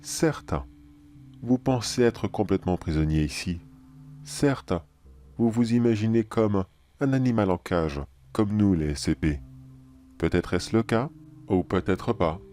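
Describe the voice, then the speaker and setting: A man playing a calm, philosophical cannibal anomaly in a horror audio drama, measured and politely menacing. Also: on the low side, slight background noise.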